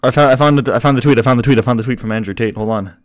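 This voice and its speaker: A man's voice: medium pitch, rapid-fire, no echo, clean studio sound. A young man co-hosting a casual podcast chat, rambling, swearing often and laughing. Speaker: podcast co-host.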